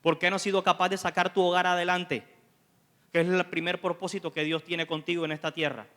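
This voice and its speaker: A man preaching a sermon, his voice pitched high for a man and bright in tone. He preaches in an animated way and acts out the dialogue of the scripture he retells. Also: brisk. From Colombia. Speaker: associate pastor.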